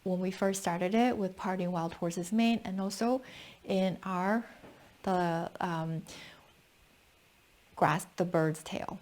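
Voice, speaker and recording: A woman's voice: fairly low pitch, slow pace, long pauses, darkish tone. A woman teaching tai chi, explaining and guiding each movement step by step with instructional cues.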